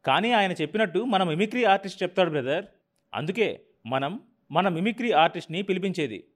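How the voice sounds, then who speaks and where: A brusque, mocking TV channel boss barks orders at his staff in a raised, high-pitched voice, as an audiobook narrator puts him on. He bullies everyone around him and sneers while he does it. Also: animated, fairly quick. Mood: domineering. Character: brash scheming male TV channel boss.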